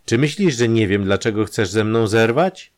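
A man's voice: lowish voice, lively intonation, moderate pace, voice pushed up, natural voice. A man voicing a proud, wealthy woman in an audiobook, speaking sharply and with irony. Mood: sharp, ironic. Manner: sharp, ironic. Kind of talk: audiobook character reading.

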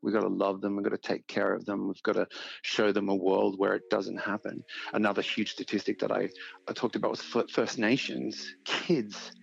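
A man with a creaky voice, speaking earnestly and affirmingly in a radio interview chat. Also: on the low side, level tone, normal speed. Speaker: radio show host, guest on air. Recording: dull lo-fi sound, music behind. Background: music.

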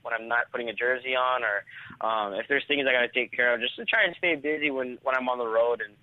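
A man's voice: mid-range voice, fast talker, no echo. Man, from Hawaii, casual interview chat, laid-back, repetitive phrasing, dry narrow phone sound. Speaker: professional surfer, interview guest. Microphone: phone call. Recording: tinny phone line.

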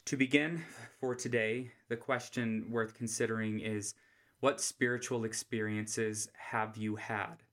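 An American man giving an informal religious lesson in a soft, quiet voice, with a flat monotone manner. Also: unhurried. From Utah, United States. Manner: flat monotone, speaking low without inflection. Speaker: host of a scripture study podcast. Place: quiet room at home.

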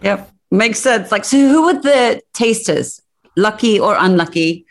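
A man's voice: high voice, expressive, measured pace, creaky. A man interviewing a guest, asking questions in a casual, playful, upbeat way.

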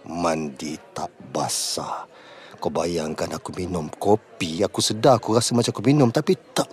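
An actor playing a smitten young man in a radio drama, speaking with a Malaysian Malay accent in a rambling, dreamy way. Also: low voice.

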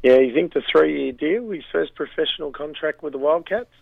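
Radio sports guest: Australian male, gravelly croak, slightly narrow dry line. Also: a little high, normal speed, dry recording. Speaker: basketball writer, radio guest. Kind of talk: radio interview analysis. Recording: band-limited radio line.

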